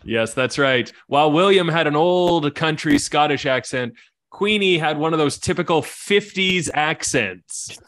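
A man's voice: on the high side, lively intonation, a little slow, fairly bright tone. Playful man narrating comedy. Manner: playful, laughing through lines. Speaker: host and narrator. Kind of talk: improvised comic narration.

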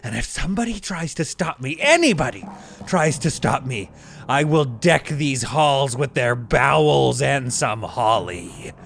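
A man playing a crazed, jolly yet menacing mall Santa in a comedy sketch, booming and theatrical. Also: expressive, measured pace, gravelly, fairly bright tone, slight background noise. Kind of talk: comedic sketch acting over music.

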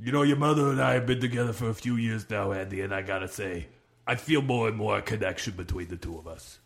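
A man's voice: lowish voice, fast, vocal fry, voice pushed down. A man playing a doting, boisterous stepfather co-hosting a comedy podcast, theatrical and effusive, in a put-on Austrian-sounding accent passed off as Maritime Canadian. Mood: fond. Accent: put-on Austrian-sounding accent, claimed as Maritime Canadian. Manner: theatrical, effusive, swings into shouts and sing-song. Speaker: podcast co-host. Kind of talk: improvised comedy podcast banter in character.

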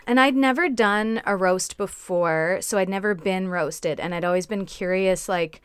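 A woman with a smooth, resonant voice in a dry, close recording. She chats casually as a podcast guest, with a cultivated, melodic lilt in the manner of a 1950s Hollywood starlet. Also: medium pitch, normal speed, dry recording. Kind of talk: casual comedic chat.

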